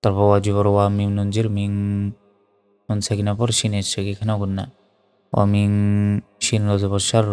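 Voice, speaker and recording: A man teaching Quran recitation letter by letter, moving between slow chanted recitation and plain spoken explanation. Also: on the low side, darkish tone. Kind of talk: spelled-out recitation lesson. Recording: long reverb.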